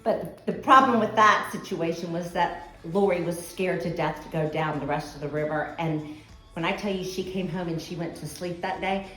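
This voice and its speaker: A woman telling funny stories about a friend in a casual, animated way, laughing as she goes. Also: lowish voice, moderate pace, echoey room, faint music behind, poor audio. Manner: animated, laughs while telling, shrieks to act out others. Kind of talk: casual storytelling.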